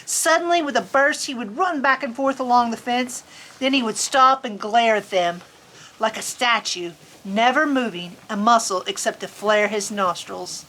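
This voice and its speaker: This woman's voice is a little high and a bit bright, keeping a moderate pace as she reads to children in a folksy, playful way that drifts between story and chat. The rough recording was made outdoors on a farm in the cold, with faint ambient noise.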